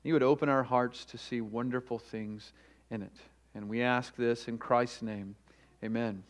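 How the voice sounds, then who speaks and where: A man's voice: mid-range voice, fairly even intonation. A man preaching at a pulpit microphone. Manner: deliberate, emphatic, slows for stressed repeated phrases. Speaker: pastor. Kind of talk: sermon with opening prayer. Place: church sanctuary during a service.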